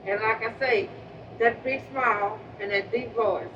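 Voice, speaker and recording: A public housing resident speaks earnestly in a fairly high voice at a measured pace, remembering a neighbor with emotion and often repeating and restarting words. The mic is distant, so the sound is muffled, with steady background noise.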